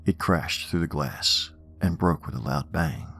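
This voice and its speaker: A man hosting a horror podcast, reading scripted stories and poems in a measured, theatrical manner. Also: a bass voice, fairly bright tone.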